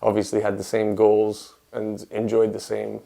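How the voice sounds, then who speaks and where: A man with a very gravelly, creaky voice that stays flat and low. He talks in a relaxed, filler-heavy way, looking back on how his band began. The sound is a plain documentary interview. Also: moderate pace. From Canada. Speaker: bass guitarist.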